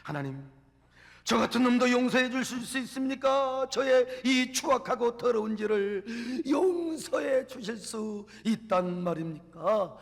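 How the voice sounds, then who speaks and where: A man's voice: extremely high pitch, lively intonation, unhurried, vocal fry, exaggerated voice. A man acting out a middle-aged male church elder who confesses his theft in a raised, pleading voice. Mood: remorseful. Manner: raised, pleading, self-accusing. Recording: long church hall reverb.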